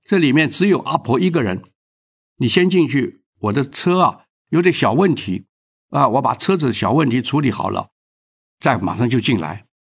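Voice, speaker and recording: A man voicing a kind, caring village postman who speaks in a gentle, reassuring way. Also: mid-range voice, animated, moderate pace, breathy edge. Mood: casual.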